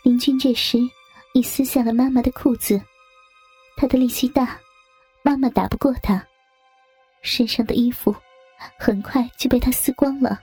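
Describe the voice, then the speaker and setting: A woman reading a scripted audio story in a soft, half-whispered way. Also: a little high, fairly even intonation, moderate pace, pauses often, slightly rough, soft background music. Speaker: narrator.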